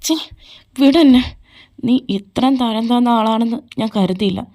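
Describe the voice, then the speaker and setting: A woman's voice: on the high side, steady tone, moderate pace, a little mellow, close to an everyday voice. A woman voicing a heartbroken young man in a fan audio drama, pleading and tearful. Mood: angry, hurt. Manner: pleading, crying out in protest. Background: faint background music.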